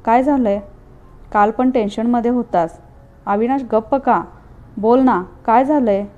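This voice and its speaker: Woman doing a gentle big-sister type neighbor in a storybook, coaxing, a bit high, dull lo-fi audio. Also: unhurried, lightly acted. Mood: concerned. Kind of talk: storybook reading.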